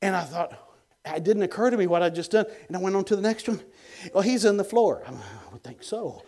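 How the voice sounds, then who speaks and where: A middle-aged man, a guest evangelist, telling an animated testimony on a TV show, dropping to hushed tones and bursting out loud with chuckles. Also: fast. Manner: swings between hushed low tones and loud excited outbursts, chuckling.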